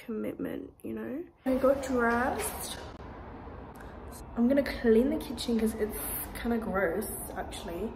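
Out of breath and with a blocked nose, a young adult woman speaks at a measured pace in a somewhat high voice against background noise. Her vlog is casual and rambling, full of self-deprecation, filmed on a nearby propped-up phone in a small kitchen and an echoey, bare room.

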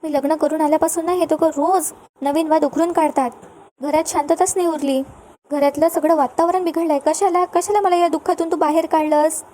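A woman's voice: high voice, fairly even intonation, brisk, dark tone, slight background noise, natural voice. A woman reading out a scheming young wife faking hysterics. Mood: melodramatic wailing. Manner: wailing, self-pitying outbursts.

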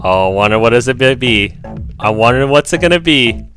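A man hosting a co-op video game, yelling frantic commentary and repeating himself. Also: medium pitch, lively intonation, a little fast, soft background music. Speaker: gaming host. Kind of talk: excited gameplay commentary.

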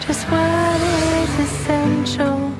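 A woman singing slow, meditative song lyrics. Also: very high voice, flat delivery, over loud music.

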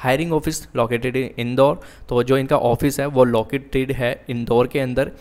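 A man walking viewers through an online job listing. He reads the English lines slowly and then explains them in Hindi mixed with English, using lots of fillers and calling the viewers "guys". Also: mid-range voice, steady tone, a little mellow. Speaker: job vacancy YouTuber. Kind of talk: screen-share walkthrough explainer.

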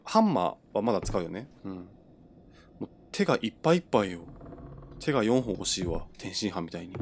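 A man's voice: lowish voice, slight background noise. A young man giving let's play commentary on a horror game, jumpy and stammering as he talks to himself. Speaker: gamer playing a horror game.

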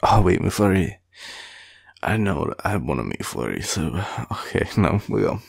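An Australian man performs an intimate boyfriend roleplay audio, rambling casually in a deep, gravelly, husky voice. Tired and sleepy, he is also very animated, playful and teasing, with a halting delivery.

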